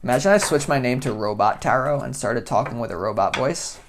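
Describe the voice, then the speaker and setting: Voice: mid-range voice, lively intonation, fairly quick, a little hiss or hum. Chatty, rambling tarot reader. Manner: chatty and goofy, rambling with many "like"s. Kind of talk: casual tarot reading to camera.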